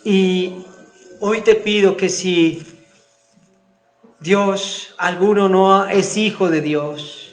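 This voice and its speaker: A man preaching a sermon in Spanish, rising into emphatic bursts and then praying quietly and fervently. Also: sits high, roomy sound. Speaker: pastor. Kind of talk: sermon and spoken prayer.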